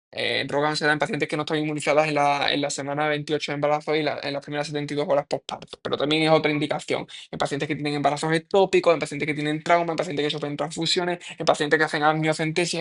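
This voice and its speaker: A young man walks through practice exam questions, reasoning out loud in a slightly high voice. He is candid and informal, scolding himself for mistakes and letting casual curses slip. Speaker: medical student reviewing a practice exam.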